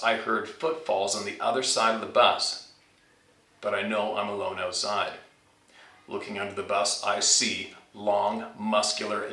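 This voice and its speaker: On his channel, a man casually presents a spooky tale a listener sent in, reading it out and commenting along the way. His voice is lowish, bright, and pushed, picked up from a distance amid roomy echo.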